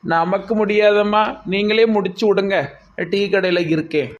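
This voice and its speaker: A woman's voice: mid-range voice, fairly even intonation, normal speed, muffled recording, voice pushed down, close to an everyday voice. A woman voicing a stingy, joking middle-aged village father with a Tirunelveli accent. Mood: lazy. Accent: Tirunelveli Tamil. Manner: teasing, boastful about saving money.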